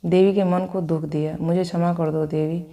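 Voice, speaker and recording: A woman's voice: fairly low pitch, little pitch movement, normal speed, dark tone, lightly acted. Woman reading as a repentant husband. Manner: repentant, humble. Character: remorseful husband begging forgiveness, man.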